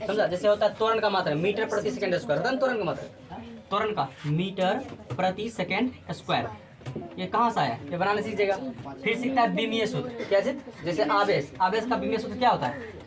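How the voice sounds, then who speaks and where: A woman's voice: medium pitch, expressive, moderate pace, pauses often, crowd noise. A woman teaching a physics class, drilling students with repeated call-and-response questions. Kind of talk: classroom lecture.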